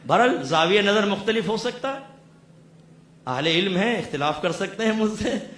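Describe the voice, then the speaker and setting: Male preacher giving a fired-up sermon, highish bright voice, calls everyone his kids, big echoey hall. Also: animated, normal speed. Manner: impassioned, swings from soft to loud exhortation; addresses listeners as his children. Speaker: mufti preacher. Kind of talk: sermon to a gathering.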